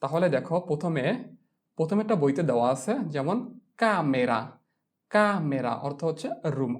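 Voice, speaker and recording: A woman's voice: low voice, expressive, moderate pace. A woman teaching a language lesson, spelling words out syllable by syllable and repeating each word several times. She speaks Bengali with a Bangladeshi accent.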